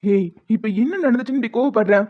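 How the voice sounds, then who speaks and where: A performer voicing a stubborn young husband set on revenge in a homemade cartoon, talking forcefully and insistently. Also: mid-range voice, quick pace, close to an everyday voice. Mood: pleading. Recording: dull lo-fi sound with faint music.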